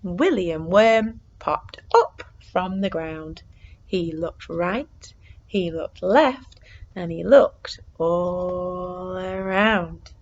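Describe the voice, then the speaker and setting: A lowish female voice reads a picture book aloud to young kids at a very slow pace, swinging between quiet suspense and bursts of excitement. The recording has its high frequencies cut off.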